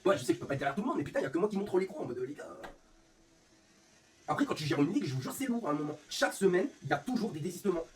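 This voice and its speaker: Fuming fast-talking man. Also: high-pitched, recorded from a distance, a crowd in the background. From northern France. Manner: fuming, swearing constantly, rapid and animated. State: sick with a fever, voice affected. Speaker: streamer and league organizer. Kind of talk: angry live-stream rant. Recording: faint room ambience, off-mic.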